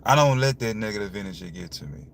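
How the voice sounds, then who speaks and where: A man's voice: medium pitch, lively intonation, fast, vocal fry, a little hiss or hum. A young man talks frankly and with animation about his father, often asking "you see what I'm saying". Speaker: vlogger. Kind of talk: casual talk to camera.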